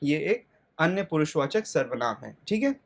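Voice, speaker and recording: A man teaching a grammar lesson. He asks questions and answers them himself, checks in often with listeners, and slows right down to spell out lists of words. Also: on the high side, sing-song, vocal fry.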